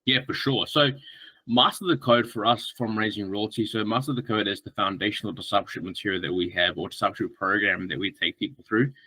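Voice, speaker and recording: A man from Samoa, a guest on a podcast, chatting in a friendly, relaxed way with lots of fillers and restarts. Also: lowish voice, brisk, breathy edge, low-quality recording. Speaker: guest, strength coach. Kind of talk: casual podcast interview.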